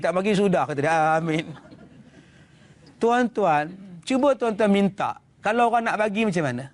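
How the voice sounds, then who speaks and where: A man with a Malaysian Malay accent giving a religious lecture, answering audience questions and telling funny stories with acted-out voices. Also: sits high. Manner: humorous storytelling, acts out voices. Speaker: preacher.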